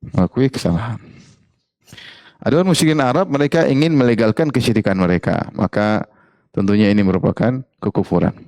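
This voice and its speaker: With a fairly low pitch and brisk delivery broken by long pauses, a male Islamic preacher teaches a religious study session in a lively, joking way. He frequently questions the audience and repeats key phrases, and the recording is dry.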